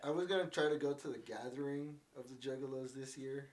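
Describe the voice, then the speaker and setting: A man's voice: medium pitch, brisk, darkish tone. A young man telling rambling stories in a casual podcast chat, swearing constantly. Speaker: podcast guest.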